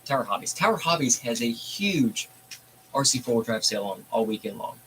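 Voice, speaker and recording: A man's voice: medium pitch, very animated, a little fast, fairly bright tone, slight background noise, poor audio. A man hosting a casual hobby livestream, talking in a laid-back, rambling way with plenty of fillers. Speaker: livestream host.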